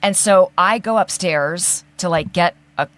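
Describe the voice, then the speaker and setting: Woman, low voice, chatty storyteller, acts out quotes. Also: measured pace, a bit bright. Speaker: podcast co-host. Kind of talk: casual conversation.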